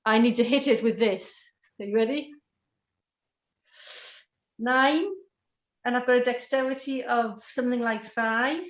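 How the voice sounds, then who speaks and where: A woman's voice: fairly high pitch, fairly even intonation, unhurried, pauses often. A woman player chatting casually at a tabletop role-playing game. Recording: dull lo-fi sound.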